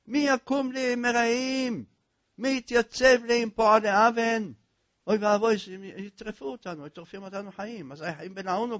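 A man preaches a eulogy sermon with fervor, swinging between raised cries and hushed passages. His voice is high for a man, and the recording is dull, lo-fi and dry. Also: no room sound.

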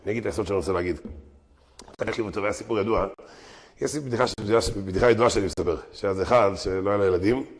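A man teaching a weekly religious lesson in an animated, slangy way that mixes learned phrases with street talk. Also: lowish voice. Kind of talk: religious lesson mixed with jokes.

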